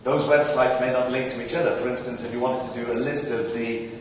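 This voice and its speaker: A man with a mid-range voice gives a conference talk on search, loud and energetic, filling pauses with ums. He sounds far from the mic amid mic trouble, his voice ringing with long echo through a large hall over a faint hiss.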